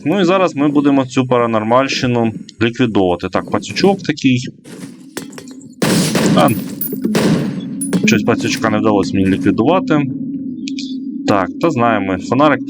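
A man's voice: medium pitch, background noise. A man giving casual gameplay commentary as a streamer, hesitant and full of fillers and self-corrections. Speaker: let's play streamer.

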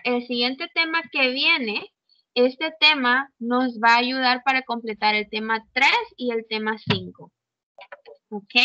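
A woman's voice: sits high, sharp tone, no room sound. A woman teaching an English grammar class online, explaining in Spanish with English examples and checking in often. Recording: dull, muffled online audio.

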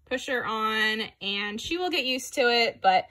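A young woman talks casually over her own riding footage in a voice-over. Her tone is bright and clear. She is chatty and self-deprecating and often drops in "like". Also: on the high side, animated, measured pace. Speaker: equestrian vlogger.

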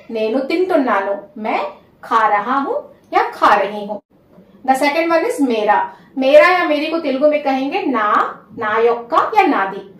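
A woman teaching a spoken language lesson, speaking slowly and repeating each phrase so learners can note it down. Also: sits high, reverberant, distant mic.

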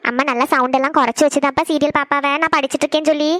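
A woman doing a squeaky chatty little girl. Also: fairly even intonation, fairly bright tone, dry recording. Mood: curious. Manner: eager, quick questions to her parents. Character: chatty young girl, curious younger daughter.

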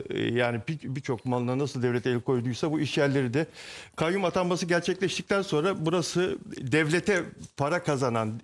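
An older man commenting as a panelist on a live TV studio show, explaining in a halting, deliberate way. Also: fairly high pitch.

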